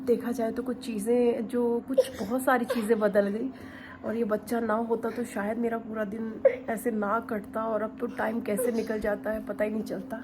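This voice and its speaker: A young woman filming a casual family vlog at home, chatting to the camera and switching to a high sing-song voice when she talks to her baby. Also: level tone, normal speed, background noise. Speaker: vlogger mother. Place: home indoors.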